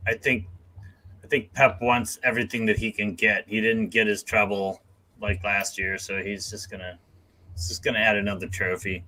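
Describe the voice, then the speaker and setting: A man co-hosting a casual football chat in a measured, agreeable way. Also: fairly low pitch, little pitch movement, sharp tone. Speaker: podcast co-host.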